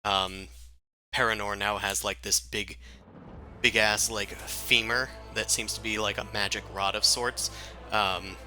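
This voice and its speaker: A man runs a tabletop game with casual, halting narration. His voice is on the low side but strikingly bright and forceful, over faint background music. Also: flat delivery. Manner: halting, informal. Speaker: game master.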